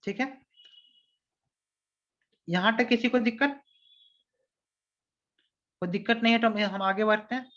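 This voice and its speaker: A man's voice: high-pitched, sharp tone. A man teaching a physics lesson online. He explains step by step and often asks whether everyone follows. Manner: reads English question text slowly. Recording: dull lo-fi recording.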